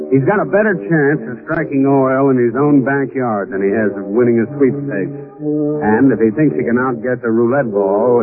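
An actor playing a dry, sardonic hard-boiled detective who also narrates a 1940s radio drama. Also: male voice, mid-range voice, natural voice. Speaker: narrator and lead. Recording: tinny old radio broadcast with music.

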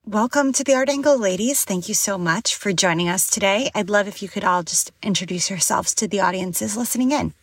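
A woman's voice: mid-range voice, a little fast, few pauses, slightly rough, no echo. Woman interviewer, very dry sound. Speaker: podcast interviewer. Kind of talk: prepared interview questions.

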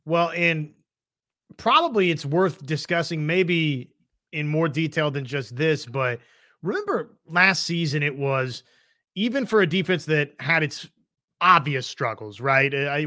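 A man with a forceful, bright voice, pitched a little high, gives sports commentary as a talk show co-host. He is emphatic and likes to check his points with the listener. The sound is close and dry. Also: moderate pace, dry recording. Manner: emphatic, often tags points with "right?".

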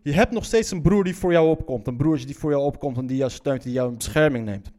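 A man with a fairly high voice delivers reaction commentary. He is blunt and openly disbelieving, swears freely and stumbles over repeated words as he talks it through. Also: fast, dark tone.

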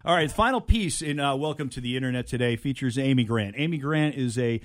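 A man's voice: medium pitch, animated, fairly quick, dry recording. Casual male host, close dry sound. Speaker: host of a comedy clip show. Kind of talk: casual show chat introducing clips.

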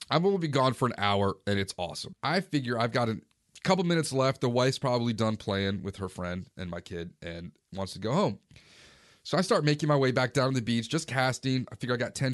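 Forties male vlogger, average pitch, relaxed first-person storyteller, dry close recording. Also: no echo. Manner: relaxed, conversational recounting. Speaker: fishing vlogger.

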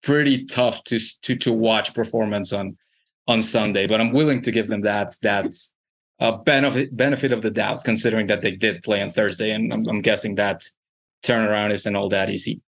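A man co-hosting a casual sports podcast, halting with frequent restarts and fillers. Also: fairly low pitch, steady tone, creaky, fairly bright tone. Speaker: podcast co-host.

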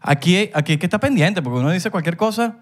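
A man's voice: high voice, lively intonation, quick pace. A Venezuelan man co-hosting a live comedy show on a club stage, playful and teasing in slangy banter.

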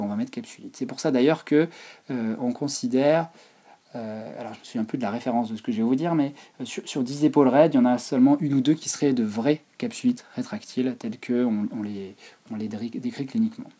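A man's voice: medium pitch, warm tone. A man giving an informal, explanatory online lecture on physiotherapy.

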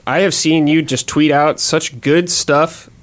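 A man's voice: fairly high pitch, steady tone, measured pace. A man hosting a gaming podcast, friendly and joking dryly in casual chat. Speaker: podcast host.

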